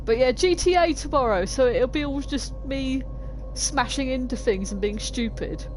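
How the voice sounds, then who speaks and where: A woman's voice: high-pitched, expressive, moderate pace, a little hiss or hum. A woman streaming a game from home, making self-mocking jokes, swearing freely and laughing often. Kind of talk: casual live gaming commentary.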